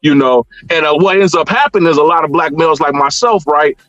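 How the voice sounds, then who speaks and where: A middle-aged American man with a slightly high, fairly bright voice calls in as a guest and talks casually about his personal experience. He speaks briskly but rambles, repeating words and saying "you know" often. The online call audio is band-limited, dry and a little muffled, with no echo.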